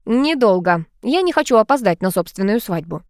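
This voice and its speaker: A woman voicing a kindly middle-aged man who speaks softly and hesitantly. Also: mid-range voice, very animated, moderate pace, no echo, studio quality, natural voice. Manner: soft, hesitant.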